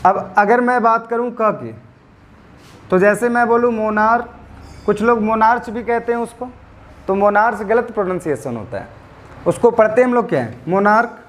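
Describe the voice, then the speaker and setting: A man teaches English grammar in a high-pitched voice. He spells endings out letter by letter and slows down on them. He keeps asking the class questions and answering them himself. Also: lively intonation. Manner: spells out letters slowly, stresses pronunciation. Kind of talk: classroom lecture.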